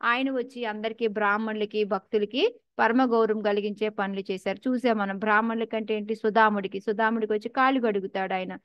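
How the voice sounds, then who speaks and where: A woman's voice: mid-range voice, fairly even intonation, brisk, dry recording, lo-fi sound. Telugu woman teaching a scripture class. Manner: asks the class questions, mixes in English words.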